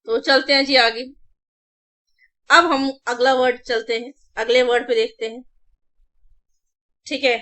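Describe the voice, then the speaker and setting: A woman's voice: on the high side, little pitch movement, measured pace, pauses often, pushed and bright. A woman vocabulary teacher giving an online exam-prep class, chanting word lists over and over and explaining memory tricks in casual Hindi mixed with English. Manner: drills word lists in repeated chanting runs; addresses students familiarly.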